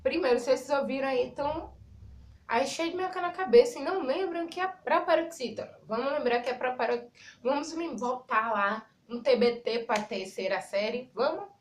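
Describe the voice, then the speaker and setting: A young woman at home giving a chatty, animated talk for a casual devotional vlog. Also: high-pitched, normal speed, echoey room. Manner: chatty, animated, laughs at herself. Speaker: vlogger. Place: at home, pet bird chirping nearby.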